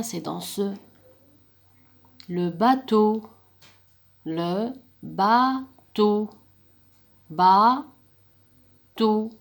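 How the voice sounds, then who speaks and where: A woman talks through a primary school lesson, switching languages as she goes. She stretches out each example word slowly and clearly, as if a class were listening. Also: medium pitch, darkish tone. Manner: slow, clearly sounded-out words when modeling the exercise; mixes French and Arabic dialect mid-sentence.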